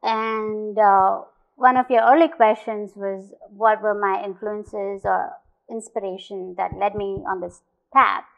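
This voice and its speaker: A woman from India, an artist, giving a thoughtful talk about her work, pausing often with fillers and restarts. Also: medium pitch, fairly even intonation, gravelly, narrow, tinny audio.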